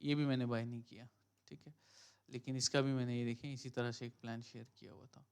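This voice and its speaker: A crypto trading mentor hosts a live stream, casually talking through trading charts and thinking aloud in a mid-range, flat, fairly quick voice with vocal fry. His tone is a little mellow and clean, and he mixes Hindi-Urdu with English phrases, full of fillers and "ठीक है".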